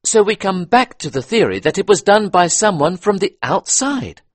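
A man voicing a brisk, talkative male police inspector in a read-aloud detective story, with a raised, eager delivery and a husky edge. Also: high voice, very animated, no room sound, voice pushed up. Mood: explaining. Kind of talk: audiobook character reading.

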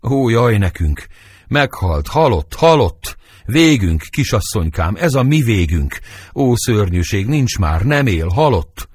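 A man reading the part of an old nurse who laments loudly, in dramatic verse. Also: lowish voice, very animated, breathy edge, no echo, clean studio sound. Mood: lamenting. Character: old nurse, fussy and grieving woman.

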